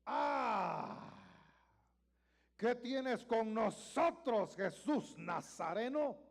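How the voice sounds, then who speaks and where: A man preaching in a church, voicing a horde of unclean spirits with loud, drawn-out cries while reading scripture aloud. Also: high-pitched, long reverb tail, natural voice. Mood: shrieking alarm.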